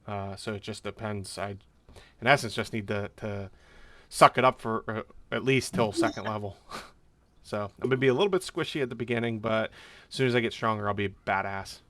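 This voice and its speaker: A man chatting casually about his tabletop character, easygoing and supportive, with halting restarts. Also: fairly low pitch, fairly bright tone, no echo. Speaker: game host and player.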